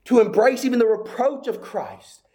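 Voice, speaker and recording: A pastor preaches a sermon with rising intensity, building urgency through repeated rhetorical questions. His voice is very high-pitched and mellow, with lively intonation at a normal speed.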